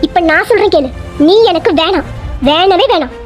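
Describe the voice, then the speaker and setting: A woman's voice: very high-pitched, normal speed, soft background music. A woman voicing a wronged young college woman, emotional and defiant, in a cartoon. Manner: pleading then defiant, emotional.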